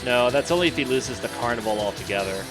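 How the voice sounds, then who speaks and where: A man with a Minnesotan accent does casual game commentary with friends as a stream commentator, joking, teasing and rambling. His medium-pitched voice is expressive and he talks fast. The audio is poor, with game music in the background.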